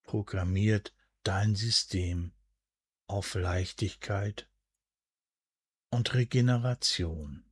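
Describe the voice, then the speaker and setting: Male, deep and husky, near-whispered sleep hypnosis narration, soothing and unhurried, very dry close sound. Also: dry recording. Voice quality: breathy, soft, at times near a whisper. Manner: soothing, hushed, deliberate, with drawn-out pauses. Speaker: hypnosis and relaxation guide.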